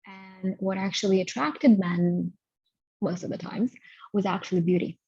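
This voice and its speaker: A woman hosting a guided healing session over a video call, talking haltingly and stopping to gather her thoughts. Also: mid-range voice, warm tone, slightly rough, no room sound. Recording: dull lo-fi audio.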